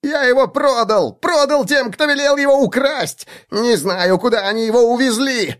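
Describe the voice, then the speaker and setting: A man voicing a frantic male halfling thief boss, squealing and whining in a high voice. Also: normal speed, fairly bright tone. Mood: panicked.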